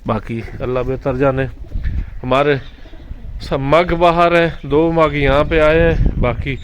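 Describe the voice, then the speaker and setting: A man's voice: on the high side, fairly even intonation, slow pace, a little hiss or hum. A man hosting a casual pet vlog at an outdoor bird enclosure, instructing a boy as he narrates. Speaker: vlog host.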